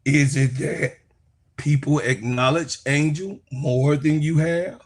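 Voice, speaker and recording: A man co-hosting a sports talk show, ranting in heated commentary, fiery and profane, repeating his phrases and often shouting. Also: fairly high pitch, fairly even intonation, slow pace.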